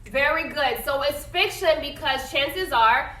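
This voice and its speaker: Her voice is high, a little slow, and sharp as she reads a picture book to the class during a read-aloud lesson. She stops frequently to pose questions and confirm understanding with "okay?", and the echoey classroom audio was captured from afar.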